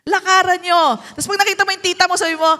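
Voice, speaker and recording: A woman pastor with a Filipino accent preaching, mixing English and Tagalog with playful asides and slow, drawn-out emphasis. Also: very high voice, fairly even intonation, sharp tone. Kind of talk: sermon. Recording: echoey hall.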